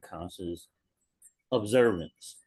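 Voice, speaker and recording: A man in a writing group sharing his reflections on a video call, slow and thoughtful, repeating key words. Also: low voice, darkish tone, breathy edge, dry recording. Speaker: workshop participant.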